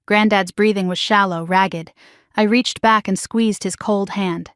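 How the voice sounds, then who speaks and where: A woman telling a first-person suspense story as scripted narration, steady and dramatic. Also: medium pitch, measured pace, clean tone, no echo, studio quality.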